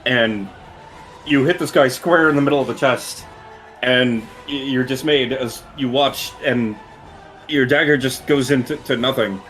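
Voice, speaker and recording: Bright-voiced man running a tabletop game. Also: medium pitch, unhurried, rough recording. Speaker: game master. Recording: faint music behind. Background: music.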